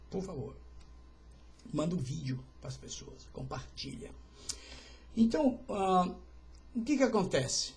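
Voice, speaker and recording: A man's voice: high voice, fairly bright tone. A man, a pastor, teaching an informal livestreamed Bible study in a chatty way, with joking asides and greetings to viewers.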